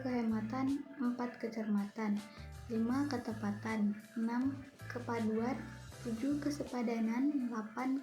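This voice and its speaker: A young woman from Indonesia, a university student, reads her class presentation aloud, numbering each point in steady lists. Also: a little high. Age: young adult.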